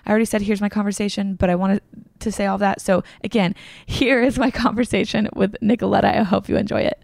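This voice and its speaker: A woman's voice: mid-range voice, fairly even intonation, fast talker, creaky, a little mellow. A woman hosting a podcast, chatting casually and gushing, with lots of filler words. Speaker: podcast host. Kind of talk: casual podcast intro and interview. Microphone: remote call recording.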